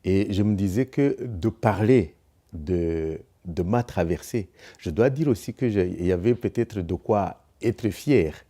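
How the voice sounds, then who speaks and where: Grave philosophical man, very low husky voice, slow testimony. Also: lively intonation, mellow. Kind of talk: reflective testimony.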